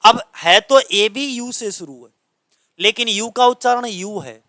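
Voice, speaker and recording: A man's voice: high voice, a little slow, sharp tone, dry recording, clean studio sound. A man from India teaching a grammar lesson in a coaching class, explaining patiently, repeating points and checking that students follow.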